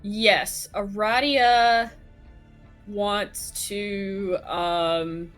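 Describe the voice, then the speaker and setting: A woman's voice: medium pitch, steady tone, drawn-out words, a bit bright. Playful woman at a tabletop game, cusses a lot, faint music behind. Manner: playful, swears freely. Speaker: player.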